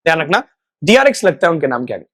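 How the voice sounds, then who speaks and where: Man, high voice, English lesson, repeats phrases slowly, checks in often. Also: sing-song, fairly bright tone. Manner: slow, drawn-out model phrases; repeats words for practice. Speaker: English teacher.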